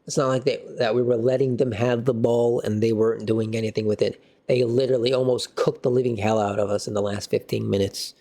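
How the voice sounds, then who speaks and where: An animated man hosts a casual football reaction, talking in slangy, excitable banter. His voice has a mellow, darker tone and sits at an ordinary pitch for a man. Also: a little fast, few pauses. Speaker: football fan channel host.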